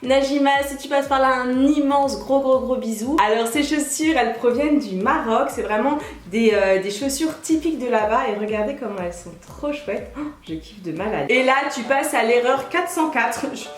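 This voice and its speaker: A woman's voice: high voice, normal speed, hardly any pauses. A young woman chatting casually to her viewers as a vlogger, bubbly and often laughing. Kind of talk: casual shoe haul chat. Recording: echoey room.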